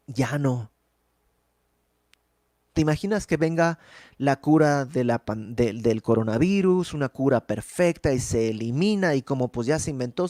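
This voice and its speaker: A man's voice: medium pitch, a little mellow, no echo. A man teaching a verse-by-verse Bible study in an earnest, emphatic, conversational way.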